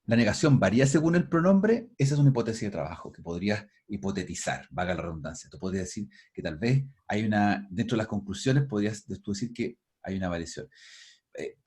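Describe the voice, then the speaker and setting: A man's voice: lowish voice, expressive, fairly quick, darkish tone, husky. A man teaching a linguistics class over a video call, explaining patiently and often restarting his words. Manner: explanatory, restarts and repeats words while thinking.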